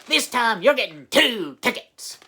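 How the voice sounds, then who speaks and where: A man imitating a blustering, dim-witted small-town sheriff with a put-on Southern accent, high and loud. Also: sing-song, a little slow, breathy edge, full character voice.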